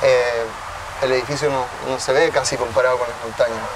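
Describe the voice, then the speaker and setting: A man in his thirties with a Chilean Spanish accent, a tech cofounder appearing as a guest, gives reflective interview answers under a tree in a city park, often restarting his phrases. His mid-range voice is flat and fairly quick. A distant camera mic picks him up along with city traffic noise.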